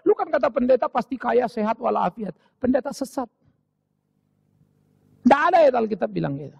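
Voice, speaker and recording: Male pastor from Indonesia, high-pitched and gravelly, dramatic sermon delivery from shouts to whispers. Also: brisk, no echo, highs cut off. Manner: animated preaching, swinging from shouts to whispers.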